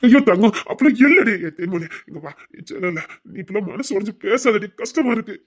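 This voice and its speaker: A woman's voice: medium pitch, expressive, brisk, husky. An actress playing a devoted woman who soothes and pleads with a grieving friend, with a Tirunelveli Tamil accent and frequent repeated reassurances. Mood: pleading, soothing. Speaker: close companion consoling a grieving woman. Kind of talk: emotional web drama acting.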